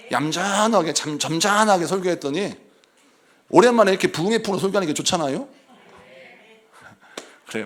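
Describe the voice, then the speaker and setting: A middle-aged senior pastor preaching a revival-style sermon in a church, swinging between shouted lines and soft asides and joking with the congregation. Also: male voice, fairly high pitch, creaky. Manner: jokes and laughs with the congregation. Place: church sanctuary.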